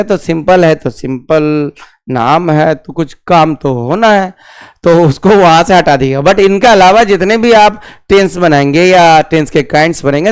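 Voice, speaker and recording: High-voiced grammar teacher, clear. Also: male voice. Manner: repeats key words, asks questions then answers them. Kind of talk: classroom grammar lesson.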